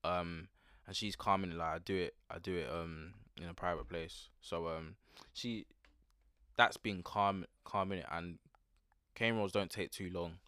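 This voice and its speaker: A man's voice: low-pitched, fairly even intonation, a little slow, sharp tone, dry recording, studio quality. A young man with a London roadman accent, chatting casually in heavy slang and repeating words for emphasis. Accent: London, urban roadman slang. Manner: slangy, informal, emphatic repetition. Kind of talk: casual chat, anecdotes.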